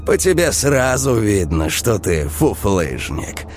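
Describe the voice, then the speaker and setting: A man's voice: lowish voice, big pitch swings, slow, pitched above the performer's own voice. A man voicing a cocky, cruel teenage bully who drawls mocking remarks, often starting with a grunted "eh". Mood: sneering mocking.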